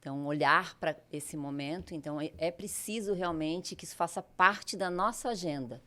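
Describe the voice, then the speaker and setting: Woman, low voice, reflective interviewer, conversational. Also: moderate pace, pushed and bright. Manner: reflective, drawing lessons, thinking aloud.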